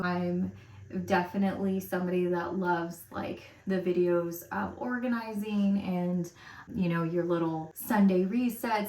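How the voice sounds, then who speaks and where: A woman's voice: mid-range voice, slight background noise. A woman in her thirties chatting casually while getting ready, rambling with lots of fillers, recorded at home. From Romania, raised in America. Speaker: lifestyle vlogger. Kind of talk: casual get-ready-with-me chat. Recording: roomy echo, mic at a distance.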